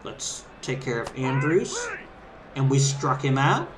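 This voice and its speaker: A man's voice: mid-range voice, sing-song, a little slow, background noise. A man giving casual, conversational, easygoing commentary as he hosts a let's play of a game. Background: video game crowd ambience and background music.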